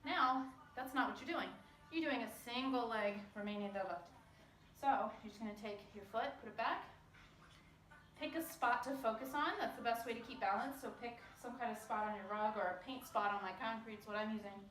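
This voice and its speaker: A woman's voice: fairly high pitch, a little fast, fairly bright tone, a little hiss or hum. Out-of-breath female fitness instructor, chatty, a bit off-mic in an echoey room. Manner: chatty, explains with fillers. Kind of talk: casual workout instruction. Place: home workout space with concrete floor. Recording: echoey room, voice from a distance, faint music.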